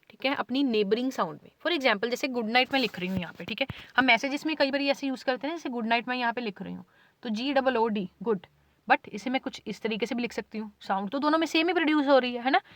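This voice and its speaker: A woman's voice: high voice, a bit bright, no echo. A woman teaching a class in a lesson video, explaining patiently, saying "ठीक है" again and again and sounding out example words. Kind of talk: whiteboard lecture in Hindi with English terms.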